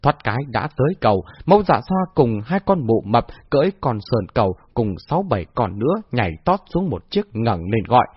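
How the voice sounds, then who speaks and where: A man's voice: medium pitch, a little fast, hardly any pauses, slightly rough, no room sound. A man narrating a novel expressively as an audiobook reader. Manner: expressive, lively storytelling. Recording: dull lo-fi dry recording.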